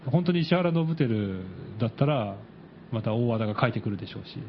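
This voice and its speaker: A wry, skeptical male co-host in casual radio chat, answering often with short agreeing replies. His voice is mid-pitched and moves through a wide, animated range. The recording is dull and lo-fi, with a faint hiss behind it. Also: brisk. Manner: wry, skeptical, frequent backchannel.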